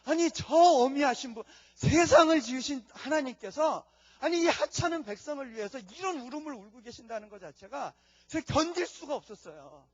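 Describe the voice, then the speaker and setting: A man's voice: very high-pitched, lively intonation, normal speed, few pauses, dull audio. A man who is a missionary, preaching a testimony sermon in an earnest storytelling way. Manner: earnest storytelling, drops to hushed tones for prayers. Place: church conference hall.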